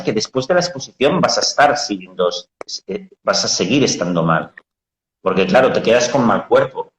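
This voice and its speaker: A man's voice: medium pitch, reverberant, rough recording. A man hosting a casual live talk, explaining in a frank, down-to-earth way with blunt everyday words. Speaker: psychologist host.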